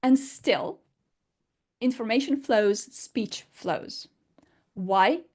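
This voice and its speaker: Her voice a little high and a little mellow, a woman draws out her words expressively as she teaches an unscripted online class. English is her fourth language, not her first, and she explains emphatically while posing rhetorical questions.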